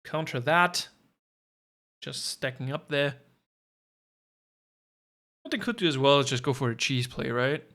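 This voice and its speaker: Unhurried and pausing often, a man with a mid-range, fairly bright voice provides casual home commentary on an esports match. As a co-streaming caster, he thinks out loud and makes self-deprecating asides.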